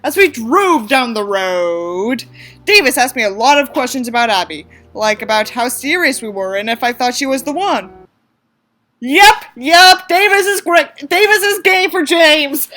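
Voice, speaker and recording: In a small apartment room, a woman host gives a mocking, dramatic reading of a story, tossing in sarcastic, theatrical casual asides. Her high voice is animated and sharp, and her pace is a little slow.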